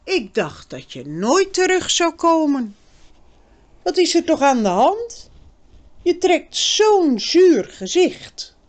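A woman reading aloud voices a bossy, anxious young girl who talks in a shrill, insistent way. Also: sing-song, slow, exaggerated voice. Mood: demanding.

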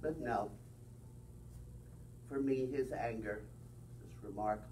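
Man, middle-aged, poetry reading, slow deliberate delivery, distant mic, faint room hum. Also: mid-range voice, fairly even intonation, mellow. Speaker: poet. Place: bookstore room with small audience. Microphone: far camera.

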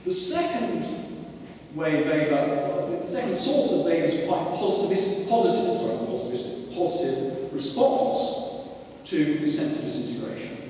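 A man's voice: a little high, big pitch swings, moderate pace, darkish tone, slight background noise. A man giving an academic lecture, digressive and full of restarts and asides. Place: lecture hall. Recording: echoey lecture hall, mic at a distance.

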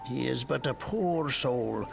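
An actor playing a stern older imperial commander in a video game, speaking slowly and solemnly with a gravelly voice. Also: male voice, medium pitch. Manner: slow, solemn, measured delivery. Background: game music.

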